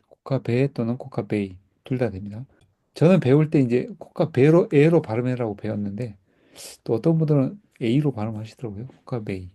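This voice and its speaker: Mellow-voiced man teaching a language class. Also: mid-range voice. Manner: patient, repeats words for students to echo. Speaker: Hebrew teacher. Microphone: recorded class, whiteboard teaching.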